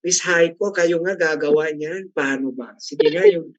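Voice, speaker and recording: A man's voice: a little high, measured pace, lo-fi sound. A middle-aged man leading a casual class discussion, chatty and teasing, often asking the group questions. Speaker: class facilitator.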